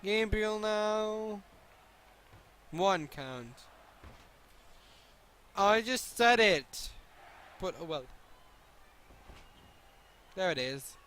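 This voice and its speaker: Speaking with a slightly high voice, he draws out his words and pauses often. This continental European man, not from the British Isles, live streams a game, excitably joking, swearing freely and responding to chat as he comments.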